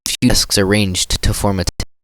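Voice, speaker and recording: A man's voice: lowish voice, steady tone, normal speed, fairly bright tone, slight background noise, rough recording. A man narrating a visual novel aloud in a casual, stumbling reading style.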